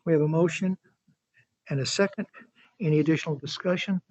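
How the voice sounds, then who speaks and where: Husky-voiced man chairing a meeting. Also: a little high, darkish tone, no echo, rough recording. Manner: measured, procedural. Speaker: board chair.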